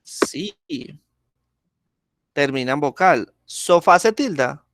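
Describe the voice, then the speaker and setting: A man's voice: fairly high pitch, animated, a bit bright, no echo, studio quality. A man teaching a grammar lesson over a video call, speaking patiently and checking in with the class often. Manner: slow, patient, checks in with frequent "¿sí?".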